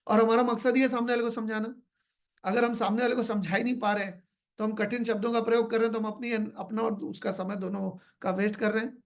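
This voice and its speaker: A man's voice: high-pitched, flat delivery, fast talker. A man giving a sales training talk, explaining points by repeating phrases and asking rhetorical questions. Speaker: business trainer.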